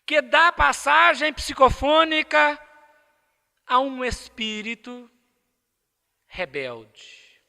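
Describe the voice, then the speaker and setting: A man's voice: very high-pitched, creaky, bright, forceful tone. A man with a Brazilian accent giving a spiritist lecture, emphatic and asking the audience rhetorical questions. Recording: echoey lecture hall.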